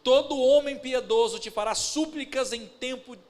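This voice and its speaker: A man with a Brazilian Portuguese accent, a pastor preaching a sermon, moving between calm storytelling and loud emphatic bursts, addressing the listeners as brothers. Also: extremely high pitch. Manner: preaching with rising emphatic bursts and slow stressed words; addresses the congregation as brothers, tells family anecdotes. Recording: music playing under the voice. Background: instrumental music.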